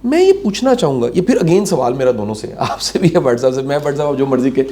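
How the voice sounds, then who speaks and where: A man hosting a conversational interview, asking long, animated rhetorical questions. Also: mid-range voice. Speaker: talk show host.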